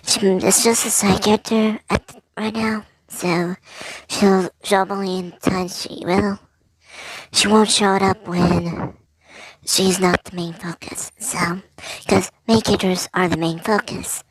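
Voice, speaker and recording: A man talking through a voice changer that makes him sound higher, chatting to viewers in a rambling, hesitant way about his characters. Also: little pitch movement, unhurried, low-quality recording. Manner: rambling, hesitant, many fillers and restarts. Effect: voice changer shifting his voice higher. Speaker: storyteller presenting original characters. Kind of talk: casual chat to viewers.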